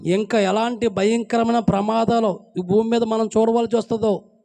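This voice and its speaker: A Telugu-accented male pastor preaches with a strikingly high, gravelly voice. His tone is dark rather than bright. He drives the sermon through pleading, repeated rhetorical questions. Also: steady tone, moderate pace.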